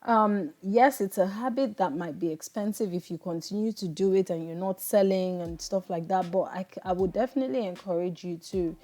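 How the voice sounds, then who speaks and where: A woman in her thirties with a Nigerian accent narrates while making soap, chatting reflectively and casually with viewers as a soap maker and channel host. Her mid-range voice is mellow, a little fast, with hardly any pauses.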